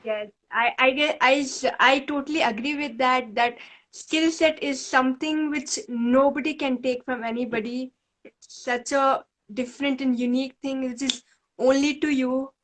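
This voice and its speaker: A woman's voice: high-pitched, steady tone, moderate pace, a bit bright, low-quality recording. A woman hosting a livestream over a video call, asking earnest questions with many hesitations. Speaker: livestream host. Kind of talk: interview questions.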